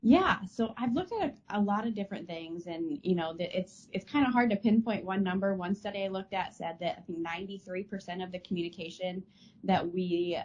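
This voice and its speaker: A woman co-hosting a casual podcast, her voice mellow and warm. She speaks thoughtfully, often pausing and restarting her sentences. The audio is a bit dull and lo-fi with a faint hiss behind it. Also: medium pitch. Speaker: podcast co-host. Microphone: remote call mic.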